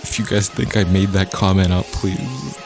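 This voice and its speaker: Low-voiced man, casual game commentary. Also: moderate pace, over music. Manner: stammering, repeats words often. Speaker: game jam reviewer.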